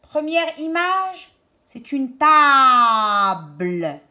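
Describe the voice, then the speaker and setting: A woman teaching a reading lesson to young children, stressing and repeating each word slowly and deliberately. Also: a little high, very animated, a bit bright.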